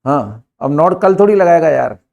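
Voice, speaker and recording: A middle-aged man teaching English to a live class, drilling students with brisk commands. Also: fairly high pitch, expressive, creaky, darkish tone, highs cut off.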